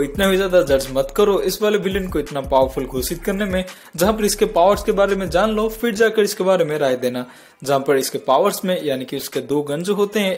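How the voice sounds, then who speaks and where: A man's voice: high-pitched, darkish tone. A man hosting a casual comic news roundup in speech, chatty and joking, talking straight to his viewers. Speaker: entertainment news host. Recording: faint music behind.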